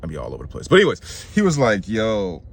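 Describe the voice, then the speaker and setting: A man's voice: on the low side, racing, creaky, slight background noise. A man casually retelling a myth in slangy, rambling talk, often correcting himself. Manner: slangy, self-interrupting, lively. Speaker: astrology channel host.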